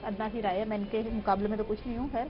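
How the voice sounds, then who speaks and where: A woman's voice: medium pitch, steady tone, highs cut off, soft background music. A woman who is a mother and a guest on a talk show, telling a personal story in a modest, chatty way. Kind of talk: casual talk-show chat.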